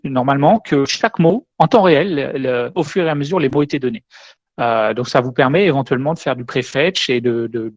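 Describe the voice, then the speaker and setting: Man giving a tech talk with demo. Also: medium pitch. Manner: explains step by step while demoing. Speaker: tech conference speaker. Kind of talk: conference talk with live demo.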